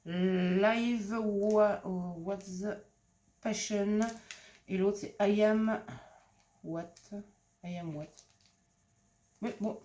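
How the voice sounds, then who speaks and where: A woman's voice: mid-range voice, dark tone, a little hiss or hum. A middle-aged woman from France casually showing off a craft-supply haul, hesitating with many fillers and repeated words as she handles each item. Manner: hesitant, full of "euh" and repeated words while showing items. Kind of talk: casual show-and-tell haul chat. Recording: clear crinkling of packaging and clicks.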